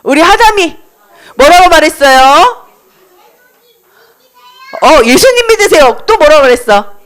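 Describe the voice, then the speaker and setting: A woman giving a children's sermon in church, telling the story in a sing-song way, questioning the children and loudly chanting the lines she wants them to repeat. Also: high-pitched, animated, takes it slowly. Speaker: children's Sunday school teacher. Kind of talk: children's sermon with call-and-response. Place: church service.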